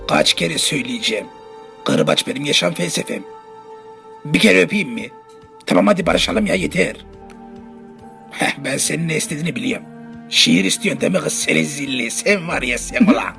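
A man's voice: a little high, vocal fry, a bit bright, heavily acted. A man voicing a sleazy, domineering, mock-romantic brute in a comedy parody dub.

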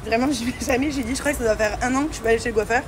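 A young woman vlogger and mom chats casually to the camera in a fairly high voice, talking very fast over a noisy background. She repeats words and leans on lots of fillers, and she sounds warm toward her daughter.

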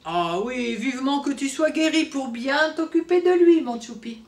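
Woman doing a gentle caring storybook mother. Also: sits high, animated, normal speed, pitched above the performer's own voice. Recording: roomy echo, mic far off.

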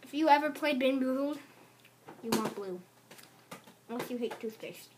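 High girly voice, goofy and loud, talking to viewers, lots of hiss behind her. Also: normal speed. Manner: playful and loud, chatty asides to viewers. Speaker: vlogger. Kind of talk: casual chat during a taste challenge. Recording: noisy home video recording.

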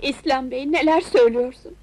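An actress playing a devoted, anguished young maiden, speaking plaintively in a theatrical period film melodrama. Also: female voice, high-pitched, brisk, a little mellow, no room sound, lightly acted, poor audio. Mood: anguished, pleading. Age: young adult. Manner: plaintive, poetic declamation. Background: music.

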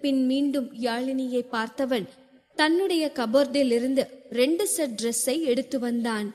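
A woman narrating a novel in steady scripted storytelling, heard with a long hall reverb. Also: high-pitched, normal speed. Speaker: audiobook narrator.

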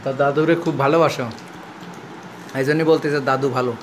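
A middle-aged man chats casually through a family vlog at home, tired from fasting and teasing his child playfully. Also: fairly high pitch, fairly even intonation, slight background noise. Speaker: family vlogger. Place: family home at the iftar table.

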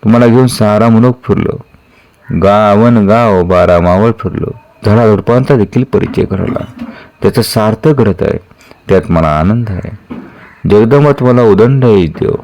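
A man voicing a dying old mentor, low and solemn. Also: a little mellow, lightly acted. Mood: tender farewell. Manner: measured, solemn counsel. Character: dying old male mentor, calm and grave.

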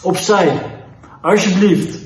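Man doing an urgent, pleading young friend in a storybook tale, raised and bright, echoey room. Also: high-pitched, takes it slowly, slight background noise.

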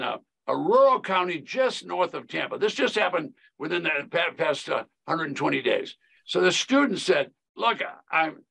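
Older guy on a video call, husky and a bit high, folksy and chatty about investing. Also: sharp tone. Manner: folksy, repetitive, emphatic. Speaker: real estate educator. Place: home office.

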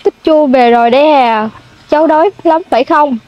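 A young woman voicing a loving old grandmother who has turned into a cuckoo bird, speaking gently, as in a storybook. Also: high voice, moderate pace, lightly acted. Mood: tender. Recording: dull lo-fi sound.

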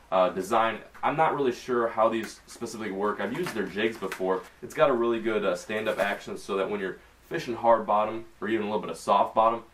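This young adult has a lowish voice and a Midwestern American accent, with slight background noise around him. Indoors in a small bedroom with a desk, he unboxes fishing tackle, chatting casually in slang and fillers.

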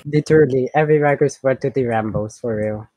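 A man talks with his teammates over voice chat during an online game. He throws in crude, offhand jokes and short remarks. His voice sits at an ordinary middle pitch. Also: brisk, mellow. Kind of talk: gaming voice chat.

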